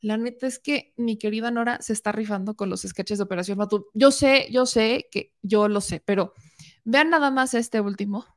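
A woman news host, interviewing and commenting in a colloquial, animated way with rhetorical questions. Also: on the high side, moderate pace.

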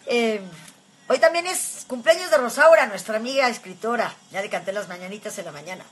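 Speaking a little fast in a fairly high voice with a breathy edge, this livestream host, a Mexican woman in her fifties, reads viewers' comments aloud. She chats with them affectionately and fills her talk with filler words.

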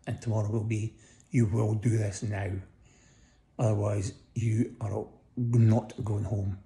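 Croaky from breathing tubes, a tired middle-aged man speaks slowly with many pauses from his hospital bed. His voice is fairly low, flat in delivery yet warm in tone. He casually updates people through a phone held close above his face.

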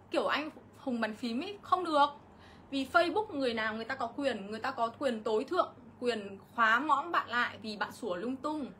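A woman's voice: a little high, a bit bright, slight background noise. A middle-aged woman, ranting on a casual livestream vlog and hitting back at her critics with indignation. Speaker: vlogger.

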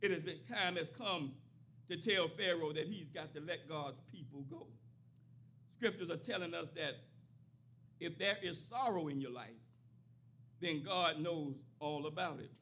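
An older man delivers a sermon from a church pulpit, his voice high and bright. He builds through repeated lines with a rising preacher's cadence. A faint noise sits under the stand microphone. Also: measured pace, pauses often. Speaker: pastor.

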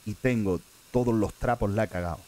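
A man's voice: fairly low pitch, a little fast, mellow. A man with a Spain Spanish accent giving live gameplay commentary as a streamer, muttering to himself and swearing often.

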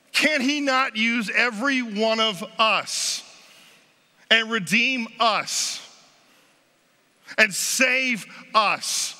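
Emphatic American pastor in a big sanctuary. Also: male voice, sits high, pushed and bright. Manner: emphatic, swelling and dropping for effect, gesturing. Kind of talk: Easter sermon. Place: large dark church stage at a lectern. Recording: long reverb of a large sanctuary.

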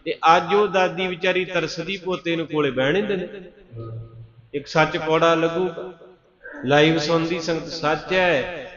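A man preaching a Sikh katha sermon, telling stories and chanting verses slowly, asking the congregation to answer. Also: fairly high pitch. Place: large gurdwara hall with live congregation. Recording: echoey dull hall recording with crowd.

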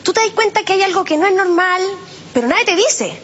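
Chilean woman comic, very high voice, slangy and self-mocking, muffled noisy live recording. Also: expressive, brisk, a bit bright. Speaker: stand-up comedian. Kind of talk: stand-up comedy routine.

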